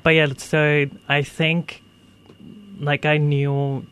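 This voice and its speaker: A 24-year-old from India with a male-sounding voice appears as an interview guest, sharing his life story casually but hesitantly, with heavy use of "like" and "you know." The voice is a little high, clear, and resonant, fairly bright in tone, monotone and slow.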